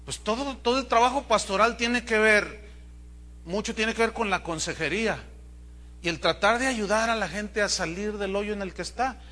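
A male pastor with a Mexican accent preaching a sermon, animated and acting out people's voices with humor. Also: sits high, normal speed.

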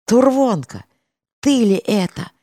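A woman voicing a boisterous, tipsy young soldier, loud and excited, in a storybook reading. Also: low-pitched, unhurried, no echo, studio quality. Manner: loud, excited, a bit drunken.

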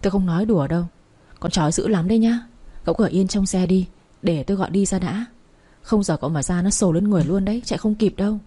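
A woman voicing an anxious, fond young man in a storybook reading, with a mellow voice. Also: medium pitch, fast talker, slightly rough, natural voice. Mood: warning. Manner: pleading, fretful.

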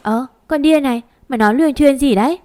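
A woman reading as a quick-tempered young woman, an elder sister who scolds and snaps. Her voice sits high and her words come sharp. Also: lively intonation, natural voice. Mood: snappish. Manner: snappish, scolding.

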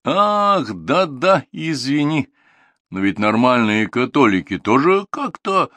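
A man's voice: mid-range voice, very animated, slow pace, sharp tone, dry recording, voice pushed up, heavily acted. A man voicing a mild, wry middle-aged father with a dry, teasing manner.

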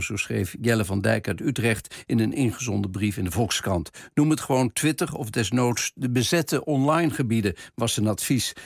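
Male radio host, mid pitch, measured and reflective scripted delivery, dry close studio mic. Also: vocal fry, no room sound. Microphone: studio microphone.

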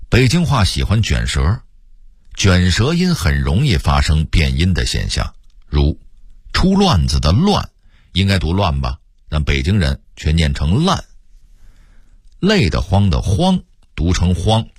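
A middle-aged man reads a scripted radio narration. His voice sits very low and slightly husky, and his pitch swings widely as he imitates local speech. The sound is close and dry, with no room echo. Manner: explanatory, imitating local pronunciations. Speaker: storyteller narrator.

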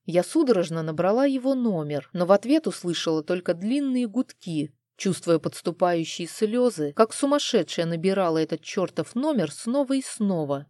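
A woman's voice: lowish voice, darkish tone, dry recording, studio quality. A woman narrating a romance novel in the first person with a dramatic, emotional reading. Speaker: audiobook narrator.

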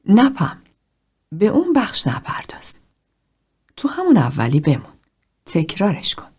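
A woman reading a gentle but firm older male group therapist, speaking in a soft, reassuring, coaxing way. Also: mid-range voice, huge pitch swings, breathy edge, pitched above the performer's own voice, heavily acted.

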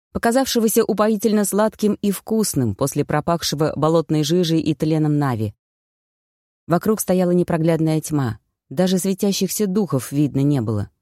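Lady reading a fantasy audiobook, mellow low voice, dry close mic. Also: no echo. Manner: even storytelling, first-person heroine. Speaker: audiobook narrator. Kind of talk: scripted first-person audiobook narration.

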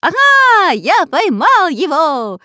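Spy Dyrka, a woman doing a shrill yelling spy. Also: huge pitch swings, slow pace, no room sound, studio quality, exaggerated voice. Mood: triumphant. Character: shrill excitable long-nosed male spy.

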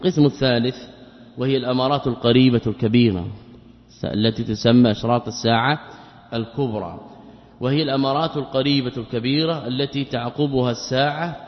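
Speaking at medium pitch, a man explains a classical text in a religious lesson, going slowly and deliberately and circling back to his points with rhetorical questions. He is an Islamic scholar, and the lo-fi, dull recording carries a long, hall-like reverb.

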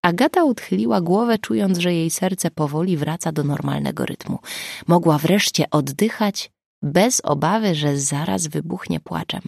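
A woman reading an audiobook in an expressive storytelling manner. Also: fairly low pitch, normal speed, vocal fry, dry recording, clean studio sound. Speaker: audiobook narrator. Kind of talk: scripted audiobook narration.

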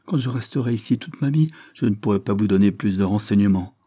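Un homme incarne une jeune noble effrayée qui supplie et pleure, dans la lecture d'un roman. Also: male voice, on the low side, fast talker, mellow, dry recording, studio quality, close to an everyday voice. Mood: distraught, pleading. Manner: tearful, trembling pleading. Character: frightened young noblewoman, tearful and pleading. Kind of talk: audiobook character reading.

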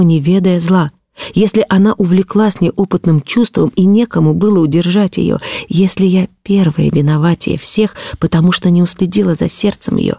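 A woman's voice: sits low, mellow, breathy edge, no echo, clean studio sound. A woman voicing a distraught noblewoman who defends her young ward with breathless, pleading indignation in an audiobook. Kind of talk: audiobook character reading.

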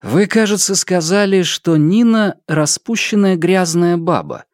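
A man's voice: high-pitched, very animated, a little slow, dry recording, studio quality, pitched above the performer's own voice. A man voicing a playful, teasing male detective in an audiobook, ironic and joking, sometimes breaking into song. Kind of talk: audiobook character voice.

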